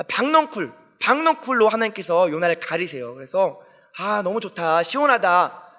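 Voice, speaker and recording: A man preaching a sermon as pastor, telling a story with lively acted-out dialogue. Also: extremely high pitch. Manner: animated storytelling, acting out quoted dialogue. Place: church sanctuary. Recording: long hall reverb.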